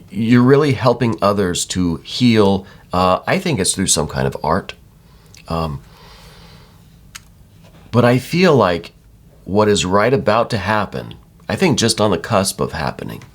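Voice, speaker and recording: A man giving a conversational, reassuring tarot reading in the manner of a psychic hotline, speaking directly to the listener. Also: deep voice. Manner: reassuring, addresses listener directly, frequent check-in tags. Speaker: tarot card reader.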